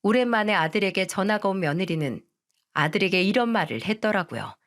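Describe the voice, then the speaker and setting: A woman narrating a family story in the first person, in a measured, solemn tone. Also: mid-range voice, expressive.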